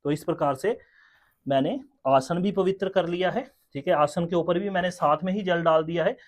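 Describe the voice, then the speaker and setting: A man with a fairly high voice patiently walks the viewer through a prayer ritual on camera. He talks indoors, seated at his setup. His tone is explanatory, and he often checks that the viewer is following. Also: moderate pace. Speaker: spiritual teacher. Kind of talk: step-by-step ritual demonstration. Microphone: camera in front.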